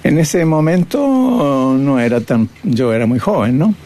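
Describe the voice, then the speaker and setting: A man's voice: mid-range voice, very animated, measured pace, dark tone. An older man, a cartoonist and painter reflecting on his career in an interview, often tagging his phrases with "¿no?". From Chile. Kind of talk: reminiscing interview.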